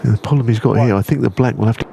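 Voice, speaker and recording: A man giving understated, analytical snooker commentary in the hushed, measured manner of a golf commentator. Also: mid-range voice, vocal fry, muffled recording, slight background noise.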